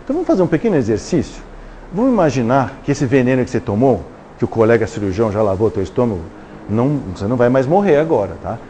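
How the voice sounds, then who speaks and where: A man's voice: mid-range voice, very animated, quick pace, warm tone, slight background noise. A middle-aged man with a Brazilian Portuguese accent giving a live spiritist lecture, acting out little dialogues and tagging questions to the audience. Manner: conversational, acts out dialogues, frequent "né?" tag questions. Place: lecture hall at a live event.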